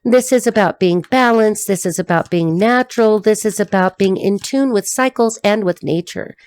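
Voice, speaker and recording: A woman's voice: mid-range voice, normal speed, a little mellow. A middle-aged woman giving a casual, rambling tarot reading to camera, laughing often as she talks. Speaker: tarot reader.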